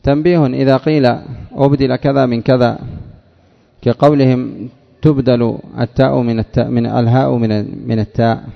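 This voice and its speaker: Gravelly guy teaching a grammar class, keeps repeating examples and quizzing students, lo-fi, echoey hall. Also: medium pitch, fairly even intonation, normal speed. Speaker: sheikh teaching Arabic morphology. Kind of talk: classroom lesson with questions to students. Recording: dull lo-fi recording in a reverberant hall.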